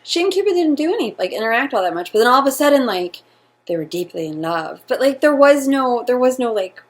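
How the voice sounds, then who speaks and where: A woman's voice: high voice, big pitch swings. A young American woman co-hosting a book review chat, talking casually with plenty of "like" fillers and firm opinions. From United States. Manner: chatty, many "like" fillers, quick opinions.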